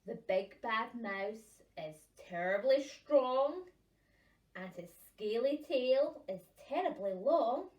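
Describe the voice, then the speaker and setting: A woman doing a gruff monster dad. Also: lively intonation, takes it slowly, far from the mic, muffled recording. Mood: booming. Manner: low, hushed and ominous, then booming. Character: big gruff male monster father, cautious. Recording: roomy echo, voice off-mic.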